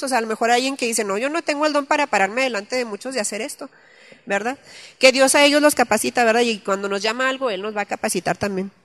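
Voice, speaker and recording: A woman's voice: fairly high pitch, a bit bright. A woman leads a Bible study. She talks casually and animatedly. She acts out quotes and stories, often laughing along the way. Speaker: Bible class teacher. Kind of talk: conversational church teaching.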